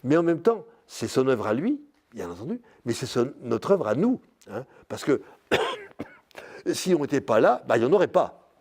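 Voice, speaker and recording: An older man, a priest, giving a spiritual lecture in a slow, searching way, full of pauses and filler words like "hein" and "euh". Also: medium pitch, sing-song, darkish tone, husky. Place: parish hall or church.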